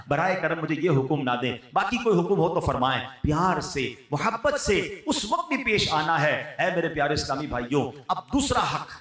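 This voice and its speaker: High-pitched man preaching in an echoing hall. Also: distant mic. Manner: animated, rising to emphatic exhortation. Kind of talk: Islamic sermon. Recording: echoey hall, voice from afar.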